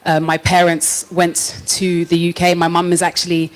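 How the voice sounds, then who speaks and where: A young London woman with a London accent speaks as a guest on a panel before a live audience, thoughtful and frank. Her fairly low voice is delivered completely flat at normal speed, and the recording quality is low.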